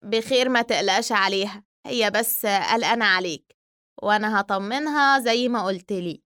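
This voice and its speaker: A woman's voice: mid-range voice, moderate pace, a bit bright, no room sound, studio quality, natural voice. A woman with an Egyptian accent voicing a loyal young man who soothes his frightened friend. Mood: gentle. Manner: soothing, reassuring, urgent.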